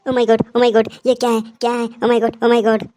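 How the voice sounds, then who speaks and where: A woman's voice: a little high, completely flat delivery, measured pace, close to an everyday voice. Woman voicing panicky cartoon kids. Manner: panicky, squabbling. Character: jittery cartoon kids on a night camp. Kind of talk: cartoon dubbing.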